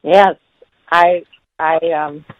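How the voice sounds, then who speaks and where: A woman on a phone call, the victim of a scam, speaking in a hesitant, halting way. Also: sits low, fairly even intonation, dry recording. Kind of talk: phone conversation. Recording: tinny, dry phone line.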